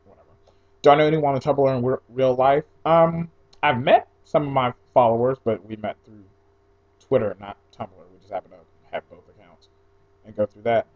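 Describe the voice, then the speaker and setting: A man's voice: mid-range voice, normal speed. A young man from New Jersey and Atlanta chatting casually and offhandedly, reading through a questionnaire for an audio blog post with wandering asides. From New Jersey, mostly raised in Atlanta. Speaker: blogger recording an audio post. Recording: slightly dull lo-fi home recording.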